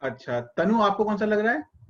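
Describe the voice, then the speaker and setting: Male teacher, online class, high-pitched, coaxing, calls on students by name, dull lo-fi audio. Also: big pitch swings, moderate pace, a bit bright.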